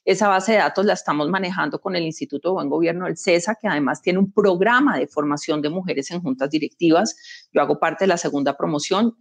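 A woman's voice: fairly low pitch, fast talker. A woman, an executive guest speaking emphatically in a conversational interview, making her points with anecdotes and rhetorical questions.

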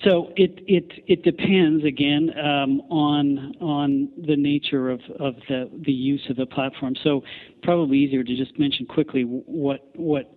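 A man with a Canadian accent being interviewed, explaining his company in halting, measured corporate language. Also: a little high, fairly even intonation. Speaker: company founder, interview guest. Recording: tinny phone line.

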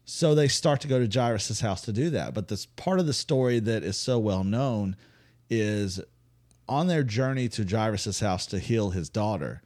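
A man with a fairly low voice, casually retelling a Bible story on a podcast. He is animated and playful, and he slips into voices for the characters. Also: normal speed. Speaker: co-host of a faith podcast.

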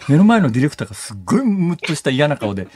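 An older man with a Kansai accent, chatting on radio in a quick, lively voice. He grumbles wryly and tells stories, his pitch swinging up and down. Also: breathy edge, no room sound. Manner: chatty, wry grumbling storyteller. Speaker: radio show host. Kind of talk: casual radio chat. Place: radio studio.

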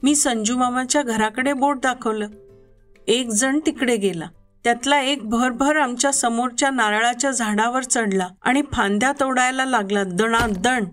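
A woman's voice: on the high side, unhurried, a bit bright, faint music behind. A woman reading a children's story aloud in the first person, telling it expressively as the boy who lived it.

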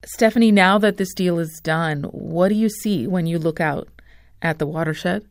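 A woman's voice: lowish voice, normal speed, no echo, clean studio sound. Attentive woman radio interviewer. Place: radio studio.

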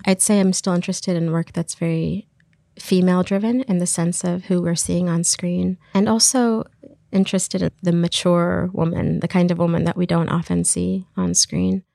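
A woman's voice: lowish voice, steady tone, normal speed, creaky, warm tone, no room sound, clean studio sound. A woman filmmaker talking thoughtfully in an interview, searching for her words as she reflects on her work. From Iraq. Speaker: filmmaker guest.

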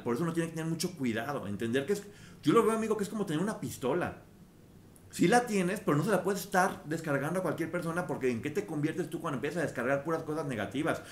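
A man's voice: a little high, slight background noise. A man hosting a casual book discussion, explaining ideas earnestly through everyday examples. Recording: roomy echo with faint ambience.

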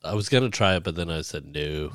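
Wry, low-key man co-hosting a podcast. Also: animated, very fast, fairly bright tone, dry recording. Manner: offhand, wry quips. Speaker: podcast co-host. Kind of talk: casual comedic podcast chat.

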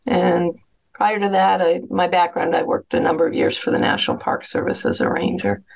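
Low, gravelly-voiced woman guest. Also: big pitch swings, a little fast. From New England. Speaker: guest, historical interpreter. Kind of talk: casual interview chat.

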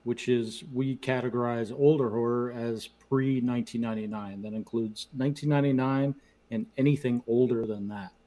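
A man's voice: medium pitch, steady tone, moderate pace, mellow. A man co-hosting a podcast in casual, conversational talk. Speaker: podcast co-host. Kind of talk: casual chat.

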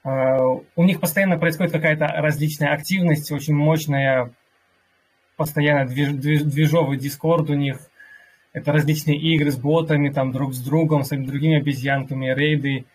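A man with a slightly husky voice hosting an online workshop, addressing listeners in a courteous customer-service manner. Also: a little high, steady tone, normal speed, low-quality recording. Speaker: host of an online crypto community workshop. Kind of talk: polite announcing to online listeners.

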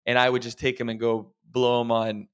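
This man has an ordinary mid-range voice at medium pitch and normal speed, and his tone is clean. He reflects in a relaxed way, like a health coach in a casual podcast chat, frequently encouraging his audience.

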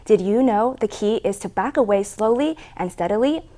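A woman's voice: mid-range voice, expressive, normal speed, mellow. A woman presenter reading scripted news narration.

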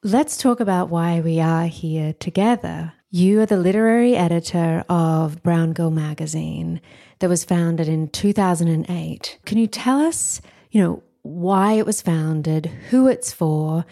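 A woman hosting a podcast interview. She speaks very slowly, with a mellow voice set a little low, and asks her questions thoughtfully. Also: vocal fry. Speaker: podcast host. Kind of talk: interview conversation.

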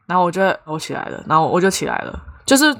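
A woman's voice: fairly low pitch, big pitch swings, very fast, creaky, faint music behind. A woman, co-hosting a podcast in a casual, playful and teasing way. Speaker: podcast co-host. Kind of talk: casual chat.

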